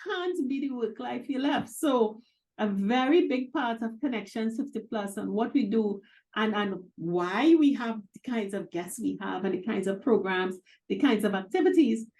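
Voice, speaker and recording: Woman, high and mellow. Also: normal speed. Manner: laughs often, emphatic. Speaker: co-host. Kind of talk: casual talk-show chat.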